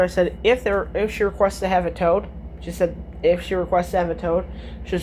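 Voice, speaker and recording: A woman's voice: lowish voice, darkish tone, slight background noise. A middle-aged woman retelling a dispute in casual chat, blunt and swearing freely, quoting each exchange. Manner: chatty, retells conversations with many "I said, she goes". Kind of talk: casual storytelling.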